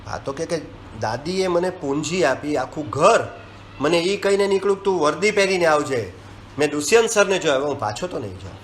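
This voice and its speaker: Man, film review, animated retelling, fairly high voice, echoey room, faint hiss. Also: a little fast. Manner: animated storytelling, acting out dialogue lines. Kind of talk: retelling a film in casual talk.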